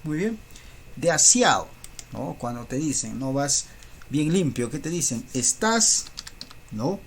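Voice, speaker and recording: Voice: medium pitch, lively intonation, unhurried, a little hiss or hum. A teacher giving a recorded school lesson, explaining step by step and checking in with rhetorical tag questions.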